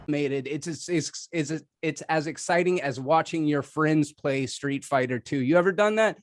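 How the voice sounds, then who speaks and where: Sarcastic and wry, a man who is a film podcaster and debate contestant casually argues his point on the spot. He speaks at a moderate pace with a fairly high-pitched voice.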